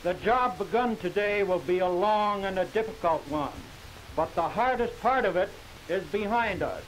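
A man giving a formal ceremonial speech in stately, measured oratory, heard as old 1950s newsreel audio. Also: high-pitched, lively intonation, rough recording. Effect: old 1950s newsreel audio with hiss. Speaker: speaker at a public groundbreaking.

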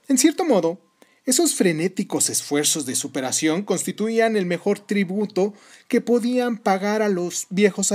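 A man hosting a podcast, reading scripted narration in a measured, formal way. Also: high-pitched, darkish tone. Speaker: podcast host.

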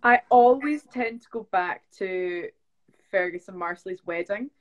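A woman's voice: mid-range voice, animated, unhurried. A young woman from the UK, chatting casually as a guest on a phone live stream, with lots of fillers like "like" and "um". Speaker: actress guest. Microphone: phone on a video live stream.

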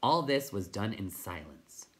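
A man reading a children's novel aloud as a teacher, in expressive storytelling narration. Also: lowish voice, measured pace.

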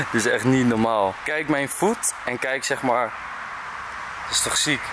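A man giving excited, casual vlog commentary, often dropping in English exclamations. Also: mid-range voice, slow. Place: outdoors on tiles in the sun. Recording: noisy outdoor recording with vehicle sounds.

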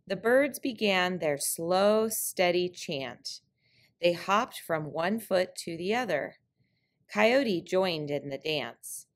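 A woman narrates a picture-book trickster tale. Her voice sits a little low, and she tells it very slowly, with deliberate, clear phrasing. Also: lively intonation. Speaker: storyteller.

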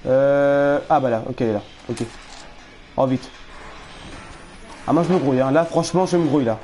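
A man commentating a horror game live, nervous and jittery, repeating words when scared, his voice going hoarse. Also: medium pitch, moderate pace, mellow, a little hiss or hum. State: losing his voice.

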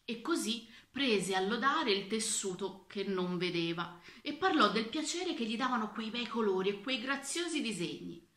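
A woman reading a children's storybook aloud with an expressive, varied delivery. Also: a little high, moderate pace, few pauses, roomy sound.

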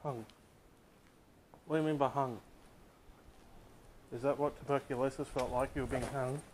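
A young man filming a ghost hunt outdoors at night, reacting loudly and questioning a ghost app. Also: mid-range voice, fairly even intonation, moderate pace, slight background noise, poor audio. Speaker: ghost hunting vlogger. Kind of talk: casual night exploration vlog. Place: outdoors at night on old hospital grounds.

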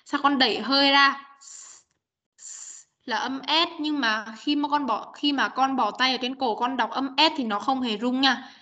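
High bright-voiced woman teacher on a call. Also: steady tone, a little slow. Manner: patient, coaxing, models sounds repeatedly. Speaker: English teacher. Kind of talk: online class coaching pronunciation. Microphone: video call. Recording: dull muffled video call audio.

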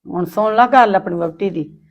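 A woman acting a sharp-tongued mother-in-law who complains indignantly about her son's new wife, in a family web drama. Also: medium pitch, brisk, natural voice. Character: sharp-tongued older mother-in-law, quick to take offence.

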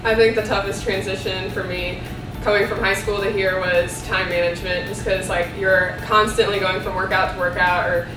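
A young woman describes college life in a level, even voice. The mic sits far off in an echoing locker room. Music runs underneath. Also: mid-range voice, moderate pace. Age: young adult. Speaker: college basketball player. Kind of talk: team promo interview.

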